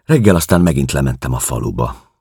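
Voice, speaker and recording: A man reading a novel aloud in measured, somber audiobook narration. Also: very deep voice, sing-song, a little mellow, slightly rough, dry recording, studio quality. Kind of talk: scripted literary narration.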